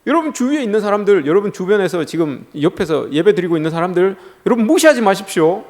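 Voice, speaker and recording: A man preaching a sermon to his congregation, speaking to them directly and with lively emphasis. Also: high voice, quick pace. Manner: animated preaching, addresses the congregation directly, often says "여러분". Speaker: pastor. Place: church sanctuary. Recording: long church hall reverb.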